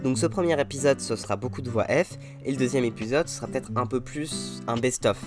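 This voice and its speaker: Over game music, a young gaming YouTuber with a mid-range voice narrates his own gameplay at a quick pace. His voice-over is upbeat and self-mocking.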